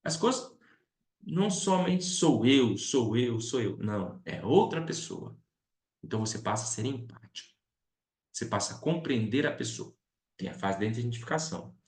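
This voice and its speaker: A man's voice: medium pitch, very animated, normal speed, a little mellow. A man, a pastor, telling stories as he teaches a missions class, chatty and often asking his listeners questions. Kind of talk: storytelling lesson. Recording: roomy echo.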